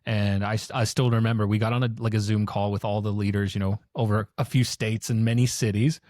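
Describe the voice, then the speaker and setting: A man's voice: fairly low pitch, little pitch movement, brisk, a little mellow, no room sound, clean studio sound. A young man hosting a podcast, chatting casually with lots of fillers and restarts. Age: young adult. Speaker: podcast host. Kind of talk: casual interview chat.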